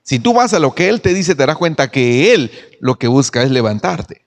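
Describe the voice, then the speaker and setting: Animated pastor, reverberant room. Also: male voice, medium pitch, normal speed. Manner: animated storytelling, acting out dialogue. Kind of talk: church panel talk.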